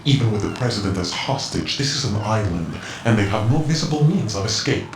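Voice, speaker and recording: An actor playing a mysterious male ninja informant with a Russian accent, giving cryptic, measured warnings. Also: lowish voice, expressive. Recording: echoey game audio over music.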